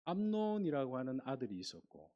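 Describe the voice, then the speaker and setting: A man's voice: medium pitch, brisk, dull audio. A male pastor giving a sermon, reading scripture aloud and putting questions to the congregation. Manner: animated preaching, reads scripture aloud, asks the congregation questions.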